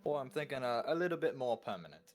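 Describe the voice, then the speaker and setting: A man's voice: medium pitch, big pitch swings, quick pace, faint music behind, natural voice. A man playing a wealthy newly arrived businessman in a tabletop game, trying on an accent and hesitating. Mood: probing. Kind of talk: tabletop role-play.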